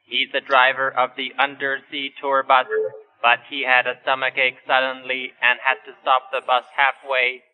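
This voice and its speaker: Fatherly briefer for kids' cartoon male performer, mid-pitched, clear, calm, instructive. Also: phone-quality sound, close to an everyday voice. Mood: calm, informative. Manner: measured, instructive. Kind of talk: children's cartoon dubbing, explanatory.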